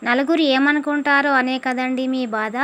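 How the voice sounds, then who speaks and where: A stubborn, sharp-tongued young wife from a folk tale, brushing off every plea with curt, dismissive replies, as a woman storyteller plays her. Her voice is high and firm. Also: steady tone, moderate pace.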